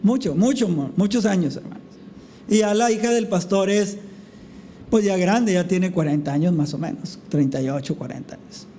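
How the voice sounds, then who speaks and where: A man's voice: high voice, moderate pace, mellow, slight background noise. A male pastor preaching a conversational sermon at a church service, telling a story and often calling the congregation brothers. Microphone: recorded preaching mic.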